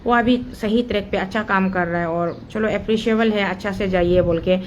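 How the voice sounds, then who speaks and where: A woman's voice: medium pitch, fairly even intonation, normal speed, dull audio, slight background noise. A woman with an Arunachal accent giving an impassioned monologue, explaining a procedure step by step and mixing English phrases into her Hindi. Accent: Arunachal Pradesh. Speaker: activist speaking on a local dam issue.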